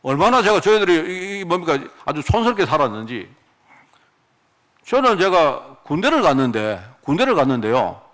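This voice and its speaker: Animated Gyeongsang-accented male pastor. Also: fairly high pitch, moderate pace. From Daegu, South Korea. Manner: animated, emphatic, asks the congregation rhetorical questions. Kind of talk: sermon.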